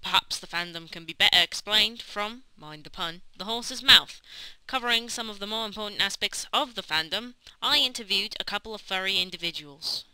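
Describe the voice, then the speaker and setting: A woman's voice: medium pitch, normal speed, pushed and bright, clear, resonant tone, low-quality recording. A woman delivering scripted narration as the narrator and interviewer of a documentary.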